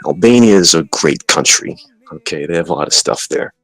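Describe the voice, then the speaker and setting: A man's voice: a bass voice, expressive, a little fast, a bit bright, no echo, low-quality recording. A man hosting a podcast, joking and rambling in casual banter. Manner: joking, rambling, trash-talking. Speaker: podcast host.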